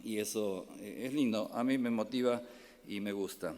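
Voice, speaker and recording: A pastor and Bible professor from Córdoba, Argentina, preaches a sermon in Argentine Spanish with a Córdoba accent. His lowish voice is gentle and warm-hearted, and he often pauses on a filler "eh." The recording has a long reverb from the large church hall.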